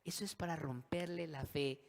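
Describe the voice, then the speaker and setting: A man's voice: fairly high pitch, steady tone, normal speed, gravelly. A male pastor preaching a sermon, acting out voices of the characters and leading call-and-response with the congregation. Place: church hall. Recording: long hall reverb.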